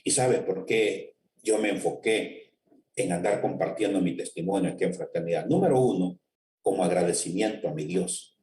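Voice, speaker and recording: A man's voice: low voice, normal speed, a little mellow, echoey room, recorded from a distance, slight background noise. A man with a Honduran accent giving a fervent testimony sermon online and speaking directly to his listeners. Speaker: lay preacher giving testimony. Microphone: connected online.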